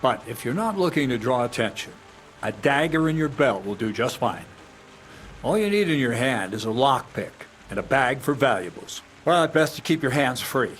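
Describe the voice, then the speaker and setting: An actor playing a blunt, coarse medieval thief who lectures on stealing, in a video game. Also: male voice, medium pitch, a bit bright, a little hiss or hum, lightly acted. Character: gruff older male medieval thief, blunt and crude.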